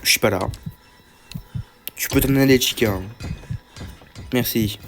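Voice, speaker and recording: Jumpy young French gaming commentator. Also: male voice, medium pitch, measured pace, background noise. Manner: jumpy, rambling, swears and stammers when scared. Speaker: gaming YouTuber. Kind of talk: let's play commentary.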